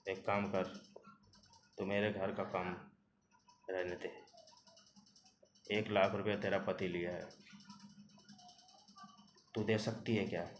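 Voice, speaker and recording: A man's voice: deep voice, level tone, takes it slowly, pauses often. A man doing a cruel, threatening village landlord. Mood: menacing. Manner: loud, demanding, threatening. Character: cruel older male village landlord and moneylender. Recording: roomy echo, faint background noise.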